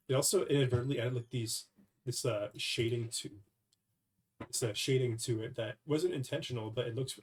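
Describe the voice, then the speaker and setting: A young man who makes indie games records a casual devlog of his screen while congested from a cold. His voice is mid-range with a darkish tone, and his delivery is halting, packed with fillers and false starts.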